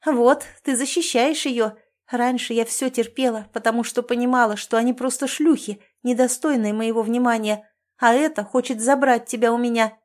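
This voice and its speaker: A woman's voice: fairly even intonation, moderate pace, darkish tone, natural voice. A woman voicing a hysterical young wife who sobs and screams in a trembling voice. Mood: hysterical, crying. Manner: shrill, tearful, screaming. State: crying.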